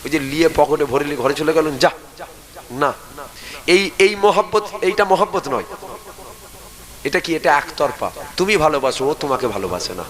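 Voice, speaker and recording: A man's voice: a little high, sing-song, moderate pace, long pauses, a bit bright, poor audio. A man preaching a sermon. He urges the crowd to answer him aloud and leads them in chanted prayers.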